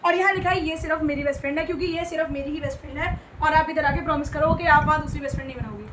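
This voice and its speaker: A young woman vlogger, chatty and quick, telling stories to her viewers in a casual vlog. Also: high voice, noisy background. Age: young adult. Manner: chatty, quick, laughs often.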